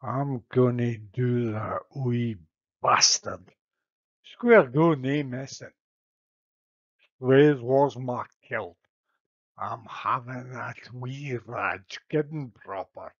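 A man voicing a jealous, brawling king with a put-on Scottish accent, gruff and threatening. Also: medium pitch, extremely slow, no echo. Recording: slightly muffled dry recording.

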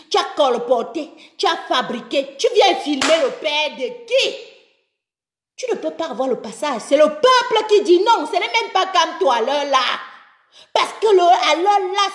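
A woman with a very high voice delivers a slow, impassioned live rant, drifting into chanted, sung refrains between her spoken lines. The room around her sounds echoey. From Cameroon. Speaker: political video commentator. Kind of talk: live video rant with singing.

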